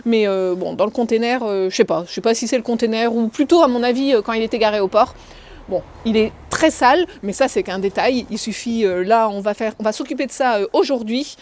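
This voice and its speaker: A woman travel vlogger chats casually while tidying up. Her voice sits a little high, and she talks in a loose, hesitant way with plenty of fillers. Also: fairly quick, a little mellow. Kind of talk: casual chat.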